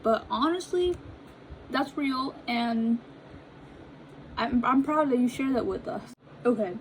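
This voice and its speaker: A young woman with a fairly high voice speaks slowly as she reads out confessions and reacts to them in a casual vlog chat. She's chatty, uses lots of fillers and restarts, and stumbles while reading, in a low-quality recording with a bit of hiss or hum.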